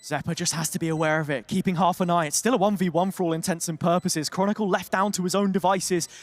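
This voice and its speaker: A man casting a competitive video game match with fast, punchy play-by-play calls and colorful phrases. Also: high-pitched, steady tone. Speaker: esports caster. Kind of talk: play-by-play commentary.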